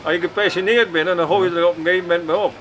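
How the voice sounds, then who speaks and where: An older retired market trader talks bluntly and a bit impatiently. He repeats himself when he isn't heard. Clear street noise runs behind his voice. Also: high voice, steady tone, racing, fairly bright tone.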